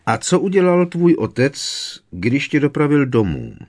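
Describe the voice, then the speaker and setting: A man voicing a calm elderly male headmaster wizard who asks quiet questions. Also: on the high side, voice pushed up. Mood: calm questioning. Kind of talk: audiobook character voice.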